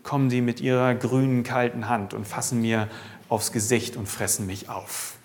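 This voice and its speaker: A man's voice: little pitch movement, normal speed, lightly acted. A man voicing a scared little child at bedtime. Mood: fearful. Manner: hushed and low. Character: frightened small child imagining bedtime monsters.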